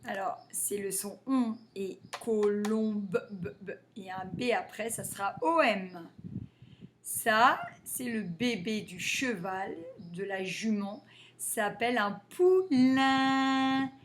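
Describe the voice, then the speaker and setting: A woman teaching a phonics lesson to young children, sounding out letters and syllables slowly and carefully. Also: medium pitch, a bit bright, a little hiss or hum.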